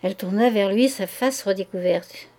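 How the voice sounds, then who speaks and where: A woman narrating a classic novel as an audiobook in a measured storytelling voice. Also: mid-range voice, dark tone. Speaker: audiobook reader.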